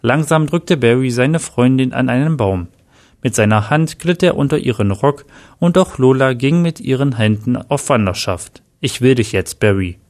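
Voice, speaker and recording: A man reading a German crime-horror story aloud in a plain, even storytelling manner. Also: mid-range voice, moderate pace.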